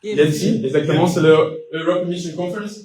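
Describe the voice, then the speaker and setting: This young adult from Brazil speaks with a Brazilian Portuguese accent, his voice on the high side, brisk and darkish, with a little hiss or hum. He delivers a casual sermon, restarting hesitantly and using many fillers, recorded from afar in a reverberant church hall as the congregation answers him.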